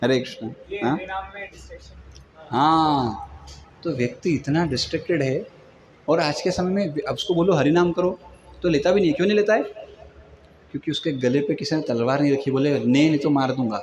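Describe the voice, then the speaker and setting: Guy preaching casually, slightly high voice, does little voices for people, bit of hiss behind. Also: normal speed, long pauses. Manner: conversational, acts out quoted people. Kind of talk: Hindi devotional lecture.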